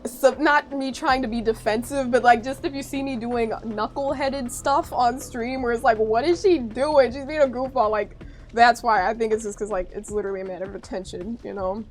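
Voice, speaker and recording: A young woman with an American accent, chatting casually with her stream viewers in an animated, chatty way. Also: fairly high pitch, brisk, soft background music. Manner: chatty, animated retelling, frequent laughter.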